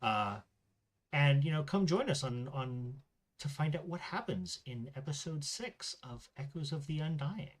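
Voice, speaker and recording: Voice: mid-range voice, animated, a little slow. A game master running a tabletop game and hosting the show, talking casually with filler words.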